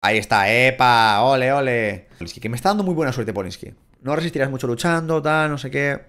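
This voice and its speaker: A young man from Spain speaks with a Spain Spanish accent, commenting on a video game as he plays. His pitch leaps all over the place as he swears, shouts at the screen and drops back into muttering. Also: a little fast. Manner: excitable, crude, swears a lot, shouts at the game. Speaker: gaming YouTuber. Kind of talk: casual Let's Play commentary.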